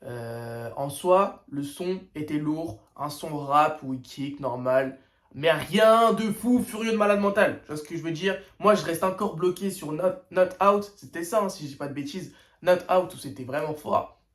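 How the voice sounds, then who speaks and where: A young man hosts a casual first-listen music reaction, his voice sitting a little high. He talks in loose slang, stalling on fillers and checking in with the listener. The recording carries a noticeable echo from the room. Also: normal speed, fairly bright tone. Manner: slangy, hesitant, full of "tu vois" and "euh". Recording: echoey room.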